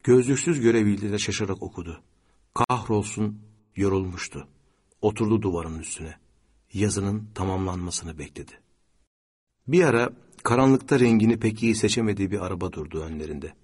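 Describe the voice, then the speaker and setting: A male audiobook narrator reading literary fiction in a measured, steady manner. His voice is low and husky, with a grainy edge.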